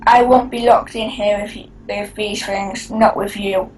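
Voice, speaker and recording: A woman voicing a panicked male researcher in a casual reading, hushed and stumbling. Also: mid-range voice, fairly even intonation, measured pace, echoey room, far from the mic, a little hiss or hum, lightly acted, low-quality recording. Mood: frantic.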